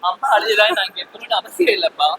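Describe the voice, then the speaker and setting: A man's voice: high-pitched, lively intonation, brisk, bright, forceful tone, slight background noise, low-quality recording. An actor playing a young transgender woman who pleads with her parents and confronts her siblings, close to tears. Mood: pleading. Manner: pleading, anguished, sometimes crying. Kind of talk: family drama acting.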